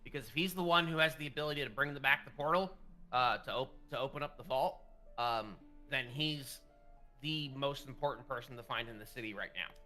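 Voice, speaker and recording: A male player in a tabletop game talks through his plan loosely, restarting his sentences. His voice is bright and forward. Faint music plays in the background. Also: medium pitch, a little fast. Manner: rambling, restarts. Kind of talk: casual game chat.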